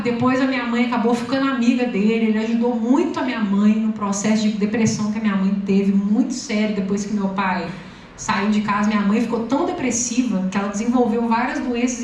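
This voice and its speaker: A woman preaching a sermon and telling a personal testimony in a lively, humorous way to a congregation. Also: fairly high pitch, a little hiss or hum. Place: church hall. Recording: echoey hall, distant mic.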